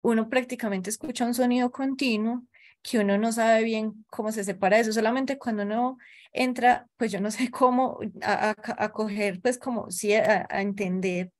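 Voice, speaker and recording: Tentative, slightly high woman in discussion. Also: steady tone, moderate pace. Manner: tentative, searching for words, many restarts. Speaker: study group participant. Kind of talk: thinking aloud in discussion.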